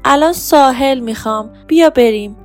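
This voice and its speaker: A woman's voice: high-pitched, faint music behind, pitched above the performer's own voice, close to an everyday voice. A woman voicing a playful, demanding little female kitten in a children's story, crying meow before she speaks and wheedling for treats. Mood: excited. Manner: wheedling, excitable, says meow before lines.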